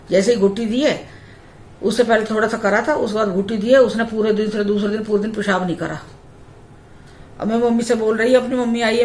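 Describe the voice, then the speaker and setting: A woman's voice: medium pitch, slight background noise. Chatty woman telling a story, echoey room. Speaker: vlogger. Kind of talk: casual storytelling.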